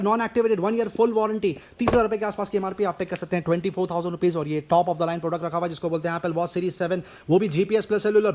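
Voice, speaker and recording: An Indian man with a high voice presents shop deals at an extremely fast pace. His delivery is an overeager teleshopping pitch, insistent and repetitive, rattling through items and prices. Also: darkish tone. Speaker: shop presenter selling discounted goods. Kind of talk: rapid-fire teleshopping sales pitch.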